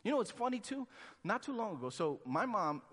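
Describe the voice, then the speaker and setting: This man's voice is high-pitched, very animated, brisk, and fairly bright. He's a pastor in his thirties from Honduras, preaching conversationally and acting out quotations, captured with a long hall reverb.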